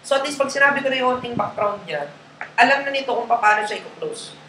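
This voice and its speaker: A network marketing trainer coaches a group in a live session, speaking casually in Tagalog mixed with English and checking in with listeners often. His very high voice is animated, bright, forceful, and fairly quick, with roomy echo and faint background noise.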